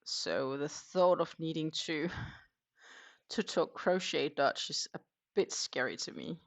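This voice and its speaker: Her low, creaky voice moves slowly but with lively intonation as this woman from Denmark crochets on a livestream and chats casually in English, her second language. She thinks aloud, using fillers and restarting phrases.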